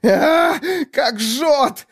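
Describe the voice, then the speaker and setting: A man's voice: very high-pitched, very slow, voice pushed up, exaggerated voice. A man voicing a panicking young man tied up over a fire, screaming, begging and threatening in pain. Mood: furious. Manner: screaming, pleading hysterically. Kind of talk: audiobook character voice.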